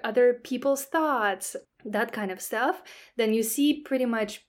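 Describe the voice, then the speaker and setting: A woman guest in an interview, patiently explaining her research in a relaxed way, often checking in with "right?". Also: a little high. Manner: explains patiently, with frequent "right?" and "that kind of stuff". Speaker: scientist guest.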